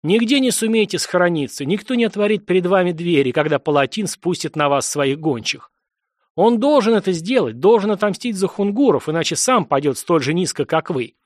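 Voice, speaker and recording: A man voicing a furious male gate official who shouts contemptuously at unwanted outcasts. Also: high voice, expressive, fairly quick, dry recording, clean studio sound, pitched above the performer's own voice.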